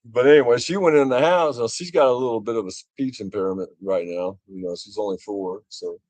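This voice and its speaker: A man's voice: medium pitch, brisk, a little mellow, dry recording. An older man, chatting casually on a livestream and telling rambling stories with chuckles. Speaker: vlogger.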